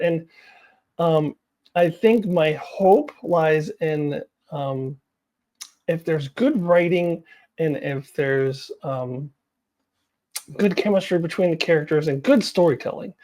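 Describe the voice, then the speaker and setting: Speaking in a warm voice that sits low, a woman vlogs about TV news, offering her opinions in a relaxed, chatty way. She's frank and self-deprecating with her viewers and often breaks into laughter.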